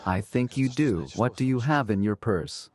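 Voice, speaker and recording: A man's voice: mid-range voice, lively intonation, moderate pace, a little mellow, no echo, natural voice. A man playing a stern, accusing member of a wealthy household in a dubbed soap opera.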